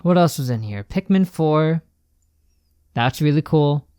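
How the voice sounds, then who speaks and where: Animated man on a reaction stream. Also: a little high, unhurried, clear, resonant tone, dry recording, clean studio sound. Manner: animated, emphatic, slangy. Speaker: streamer reacting to a game showcase. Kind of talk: casual ranting reaction commentary.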